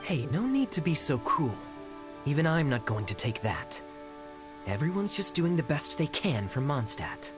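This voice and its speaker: An actor voicing a sly, charming male knight in a game who teases with smooth, wry words. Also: a little high, sing-song, moderate pace, over music. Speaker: game character. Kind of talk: game voice acting.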